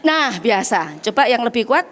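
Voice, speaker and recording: A middle-aged woman preacher, delivering an animated, emphatic sermon. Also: fairly high pitch, normal speed. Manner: animated, emphatic, mixes in English and Javanese phrases. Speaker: evangelist preacher.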